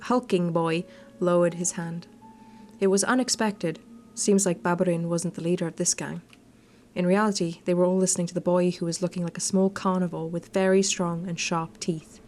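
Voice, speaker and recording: With game music behind her, a streamer reads story text from a visual novel expressively and throws in teasing, vulgar asides. Her voice is lowish and a little mellow, and the recording has a slight hiss or hum.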